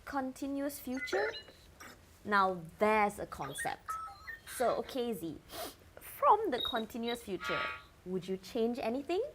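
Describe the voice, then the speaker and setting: A woman's voice: on the high side, big pitch swings, unhurried, background noise. A woman playing a glib, vain male talk-show host in a scripted satire, wisecracking and stammering. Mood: breezy.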